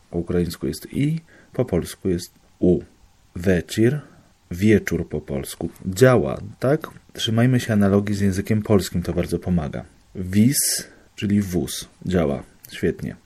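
Man, low mellow voice, patient study explainer walking through examples. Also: husky.

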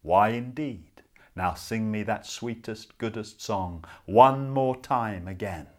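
A man voicing a great grey male wolf that loudly coaxes and drags out its commands. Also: fairly low pitch, takes it slowly. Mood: coaxing.

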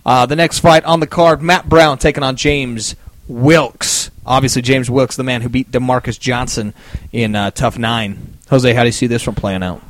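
A man's voice: mid-range voice, steady tone, normal speed, dry recording. A man hosting a casual sports chat show, leading the talk and asking co-hosts for their picks. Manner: leads the segment, asks others for picks. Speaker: host.

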